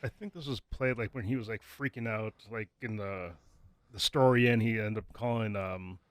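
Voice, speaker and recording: A man's voice: on the low side, fairly even intonation, normal speed, no echo. Rambling man with a dry close sound. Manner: loose, rambling, heavy use of "like". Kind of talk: casual chat retelling film scenes.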